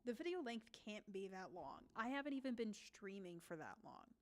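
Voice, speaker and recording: A woman's voice: medium pitch, sing-song, normal speed. A woman artist chatting casually while she draws on a stream, giggling often and rambling to herself. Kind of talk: casual chat while drawing.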